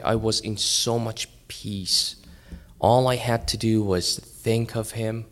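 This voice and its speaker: A middle-aged man from Iran sharing his faith testimony at a church men's breakfast, earnest and acting out scenes in loud bursts. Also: fairly low pitch. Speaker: guest speaker at a men's breakfast. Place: church gathering.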